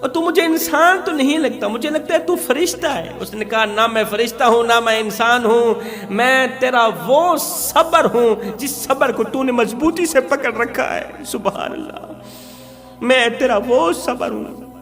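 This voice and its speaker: This preacher and religious storyteller speaks with a Pakistani accent in an extremely high, fairly bright voice, moving a little slowly. He delivers a moral tale in a dramatic sermon style, declaiming and repeating points for emphasis, with music and long hall reverb behind him.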